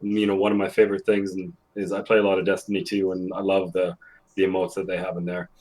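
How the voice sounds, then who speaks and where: A man's voice: sits low, completely flat delivery, fast, darkish tone, poor audio. A man, a guest on a gaming podcast, talking at length in a rambling way with many fillers. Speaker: guest, influencer manager. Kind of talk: casual podcast chat.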